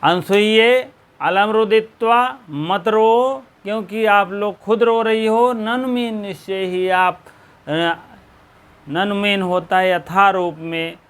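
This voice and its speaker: A man teaching a Sanskrit play for exam preparation, repeating key phrases slowly and stressing each word as he explains the lines. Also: sits high, fairly even intonation, fairly bright tone, clean tone.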